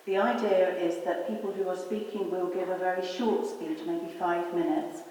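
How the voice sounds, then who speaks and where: A woman's voice: on the low side, little pitch movement, normal speed, warm tone. A woman chairing a public meeting, casually explaining the plan and background to the audience. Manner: chatty, informal, explaining. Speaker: event chair. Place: meeting room. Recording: echoey hall, distant mic, hiss.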